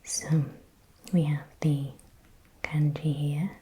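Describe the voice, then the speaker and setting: Woman, whispered ASMR, soft mellow tone, unhurried, repeats words, thinks aloud. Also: low-pitched, level tone, slight background noise, poor audio. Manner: thinks aloud, unsure guesses. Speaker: ASMR creator.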